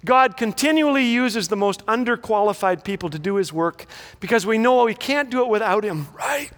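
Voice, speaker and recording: High-voiced man, echoey hall. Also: expressive, normal speed, fairly bright tone. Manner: storytelling with comic timing. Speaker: graduation speaker. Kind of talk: humorous inspirational speech.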